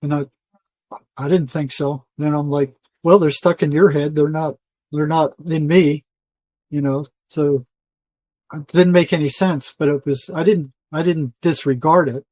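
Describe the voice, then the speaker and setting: Speaking a bit slowly in a fairly high, darkish voice with quite even intonation, an older retired psychotherapist rambles through stories during a casual interview. He uses colloquial wording and performs the dialogue he quotes, and there's no echo.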